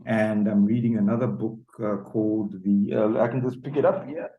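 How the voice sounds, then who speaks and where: A man's voice: on the low side, fairly even intonation, normal speed, phone-quality sound. A man in his forties from Zambia, chatting as a guest author with many ums and uhs. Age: 40s. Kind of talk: casual interview chat. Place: home, South Africa.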